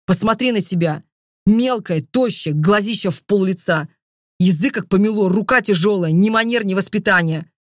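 A haughty male dragon lord from a fantasy audiobook, cold and contemptuous, played by a woman who lowers her voice for him. He speaks slowly and heavily, every word a command, in a mid-range voice with a very dry, close sound. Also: no echo, natural voice. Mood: mocking. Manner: contemptuous, commanding, slow and heavy.

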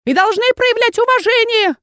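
A woman voicing a fussy, indignant older aunt who scolds in a shrill, high voice, recorded dry. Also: lively intonation, moderate pace, fairly bright tone, no echo.

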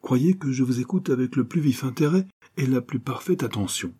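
A man's voice: on the low side, normal speed, a little mellow, husky. A man voicing a naive young private detective who is pompous and easily flustered. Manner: stammering, pompous then panicky.

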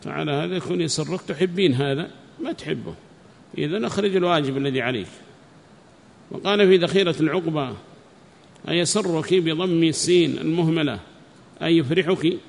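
A man teaching a religious text, reading each phrase and then repeating it slowly with explanations. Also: on the high side, creaky, a little hiss or hum. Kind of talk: classical text lesson with commentary. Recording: long reverb.

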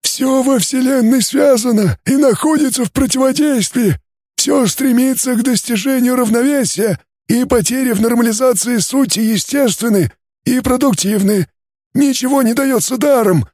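A man's voice: very high-pitched, normal speed, darkish tone, no room sound, clean studio sound, voice pushed up. A man voicing a cold, calculating male alien scholar who speaks in a formal, gurgling way. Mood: coolly logical.

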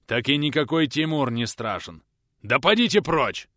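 A man doing a booming stern medieval prince. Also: very animated, normal speed, sharp tone, dry recording, clean studio sound. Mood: gruff. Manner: booming, gruff, archaic speech.

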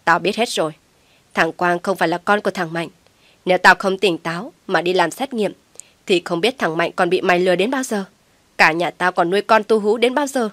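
A woman voicing a furious older mother-in-law who shouts and scolds harshly. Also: medium pitch, lively intonation, normal speed, no room sound, close to an everyday voice.

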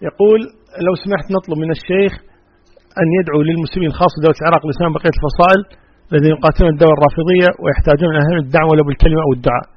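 A man's voice: on the high side, steady tone, rapid-fire, highs cut off. A man, an Islamic scholar who reads out listeners' questions and answers them firmly and plainly. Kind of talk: religious question-and-answer session.

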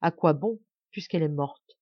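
A woman reading an audiobook, voicing a desperate young man in his grief with loud, anguished outbursts. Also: low voice, moderate pace, breathy edge, no echo, muffled recording. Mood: dazed.

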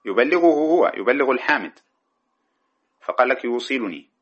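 A man's voice: mid-range voice, lively intonation, normal speed, fairly bright tone, husky. A man teaching a classical grammar text as a lecture, explaining it line by line, chanting the verses he cites and correcting himself as he goes. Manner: explains verse by verse, chanting cited poetry lines; corrects himself mid-sentence. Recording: dull lo-fi recording.

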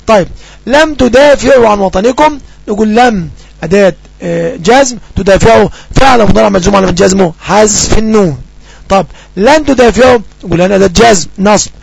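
A man with an Egyptian accent teaching Arabic grammar. He asks quick questions and answers them himself, and slows down to read out the example sentences. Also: high-pitched, gravelly, slightly rough, dry recording. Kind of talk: grammar lesson.

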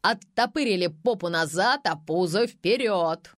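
Woman doing a shouty young director guy, bossy, voice jumps all over. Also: lowish voice, lively intonation, measured pace, no echo, clean studio sound. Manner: yelling, barking orders.

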